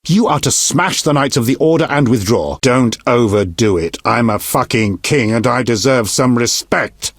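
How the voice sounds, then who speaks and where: A man's voice: medium pitch, moderate pace, few pauses, dry recording, studio quality, natural voice. An actor playing a blunt, foul-mouthed, commanding middle-aged king in a fantasy video game, speaking with regal authority. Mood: angry, exasperated. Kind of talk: video game character dialogue.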